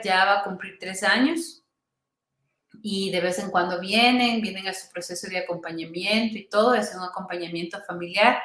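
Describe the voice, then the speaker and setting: A woman doctor speaks as an interview guest, earnest and tender, pausing and restarting as she tells a story. Her voice sits at an ordinary pitch for a woman. The room around her adds a noticeable echo. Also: fairly bright tone.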